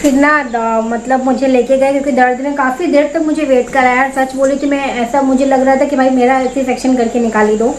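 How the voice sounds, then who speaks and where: A young woman from India, a vlogger, telling a personal story to camera in a chatty, animated way and acting out the voices of people she quotes. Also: sits high, brisk, hardly any pauses, slight background noise, rough recording.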